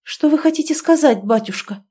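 Lady voicing a panicky young noble girl, shrill, high pitched yelling. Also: animated, moderate pace. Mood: anxious. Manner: shrill, crying out in alarm. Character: young noblewoman, frantic and pleading.

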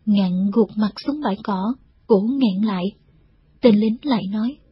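A woman reading a novel aloud as the narrator, in a measured, even way. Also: medium pitch, dry recording. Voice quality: very husky. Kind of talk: scripted audiobook narration. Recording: dull, dry lo-fi recording.

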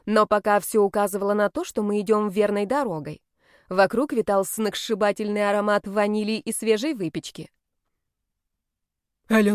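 Lady reading a fantasy story aloud, lively and expressive, dead dry recording. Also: medium pitch, no room sound. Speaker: audiobook narrator. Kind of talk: first-person fantasy novel reading.

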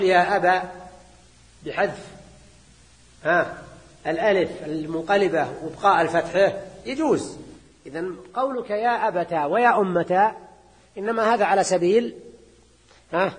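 A man teaching a class as a sheikh, often prompting his listeners with a quick questioning "ha?". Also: high voice, breathy edge. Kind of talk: classroom lecture. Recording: long hall reverb.

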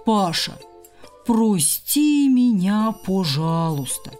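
A woman voicing a clumsy young male bear cub who slowly and pleadingly apologizes. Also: mid-range voice, very animated, a little mellow, soft background music.

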